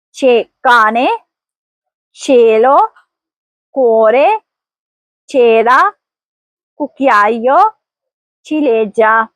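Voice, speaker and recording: A woman teacher giving an online language lesson, explaining pronunciation rules slowly and quizzing her viewers. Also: sits high, a bit bright, no echo. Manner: slow, deliberate explanations with quiz prompts.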